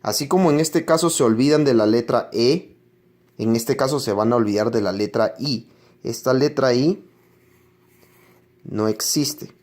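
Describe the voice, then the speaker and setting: Male language teacher, unhurried and patient, drills each word over and over as he explains. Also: medium pitch, darkish tone. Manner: slow, patient explaining with repeated example words. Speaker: English teacher. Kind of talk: classroom lesson on English pronunciation.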